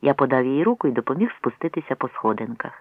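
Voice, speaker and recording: A man's voice: sing-song, very fast, no echo. A man narrating a novel aloud, changing his voice for the characters' lines. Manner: voices characters by shifting pitch. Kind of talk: audiobook reading with acted dialogue. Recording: tinny phone-like sound.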